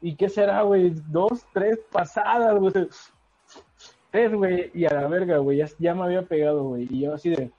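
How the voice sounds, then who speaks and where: Male Mexican guest, mellow tone, slangy storytelling, dull lo-fi call recording. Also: high-pitched, steady tone, moderate pace. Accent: Mexican Spanish. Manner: slangy, says "güey" constantly. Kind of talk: casual chat.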